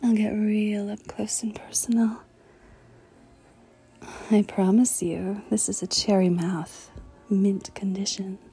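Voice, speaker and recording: Breathy flirty woman, slow whispers. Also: mid-range voice, level tone, dark tone, faint music behind. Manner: retro slang, playful giggles. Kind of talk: intimate audio roleplay.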